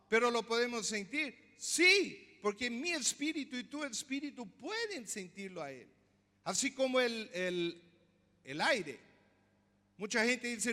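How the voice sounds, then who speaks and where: A man's voice: very high-pitched, lively intonation, a little slow, pushed and bright. A man pastor preaching a sermon, teaching step by step and asking the congregation questions. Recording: long hall reverb.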